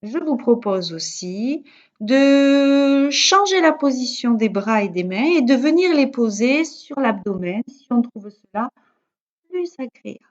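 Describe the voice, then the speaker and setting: The recording, somewhat dull and lo-fi, captures a yoga teacher guiding yoga nidra at a very slow pace. Her fairly high voice stays calm and measured, with soothing pauses between each instruction.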